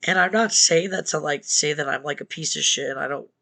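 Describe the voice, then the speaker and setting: A man hosting a casual reaction stream, talking in a halting, emotional way and swearing often. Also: fairly high pitch, gravelly, sharp tone. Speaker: streamer host.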